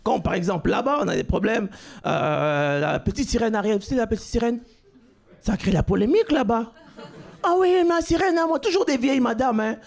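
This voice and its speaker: High-voiced gravelly comic shouting punchlines. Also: male voice, animated, brisk. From Cuba. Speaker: stand-up comedian. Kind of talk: stand-up comedy set. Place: comedy club stage. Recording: live club recording with crowd. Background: audience laughter.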